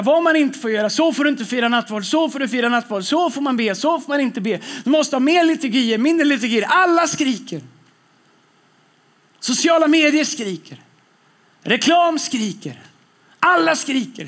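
A middle-aged man preaching a reflective sermon in a calm, repetitive way, often dropping to a hushed, low delivery. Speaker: pastor.

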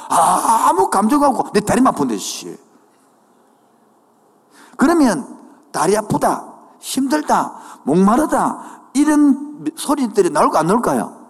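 Male pastor, Gyeongsang accent, high voice with wild swings in pitch, preaching in a reverberant church hall. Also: slightly rough. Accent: Gyeongsang Korean. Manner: animated preaching, dialect asides, builds to shouted declarations. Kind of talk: sermon. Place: church sanctuary.

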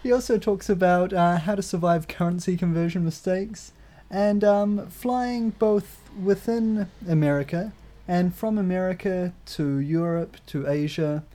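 A woman with a New Zealand accent co-hosting a travel podcast, upbeat and quick to laugh. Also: lowish voice, dark tone. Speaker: podcast co-host. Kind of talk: casual review chat.

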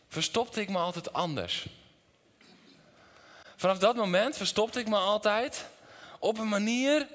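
A middle-aged man preaching a sermon in a church hall, his voice ringing with a long reverb. His tone is bright and forceful, set a little high. He tells a personal story and asks the congregation questions, moving between loud, animated passages and quiet, intense ones. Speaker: pastor.

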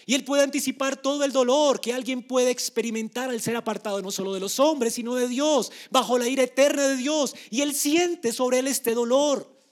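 Male preacher with a high-pitched voice, emphatic sermon delivery that swings from soft to loud. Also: normal speed.

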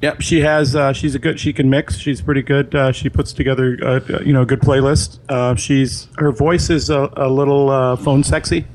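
Brief: relaxed male co-host, mid pitch, halting speech, faint noise behind. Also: poor audio. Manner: easygoing, hesitant with many fillers. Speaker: podcast co-host. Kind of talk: casual chat.

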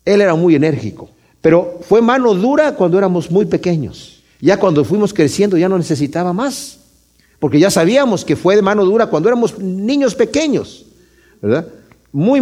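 A man's voice: a little high, mellow. A man, a pastor, preaching a conversational sermon and often checking in with his listeners. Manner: conversational preaching with frequent tag questions.

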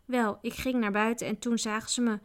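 A woman's voice: fairly high pitch, flat delivery, brisk, natural voice. Woman doing a whimpering cowardly servant. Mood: sullen. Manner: whimpering, cries out in pain. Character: whining cowardly male inn servant. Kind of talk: audiobook character voice.

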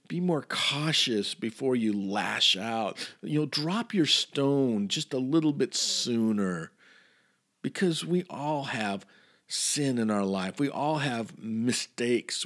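A man's voice: mid-range voice, animated, slow pace, fairly bright tone. A man preaching a sermon through a personal story, in a folksy way with chuckles and many restarts.

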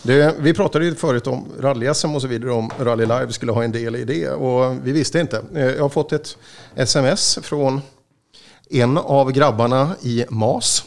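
A man's voice: mid-range voice, gravelly. A man hosting a radio show, bantering casually, joking and laughing often and stumbling over restarts.

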